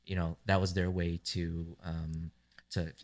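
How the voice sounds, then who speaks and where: A man's voice: sits low, little pitch movement, measured pace. A man from the United States hosting a podcast, asking long rambling questions with many fillers. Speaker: podcast host. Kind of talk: casual interview chat.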